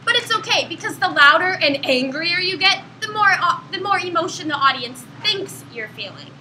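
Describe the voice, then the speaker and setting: A woman performing a comedy skit, narrating mock instructions with a brisk delivery. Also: extremely high pitch, expressive, bright, forceful tone, slight background noise, low-quality recording. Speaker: student performer.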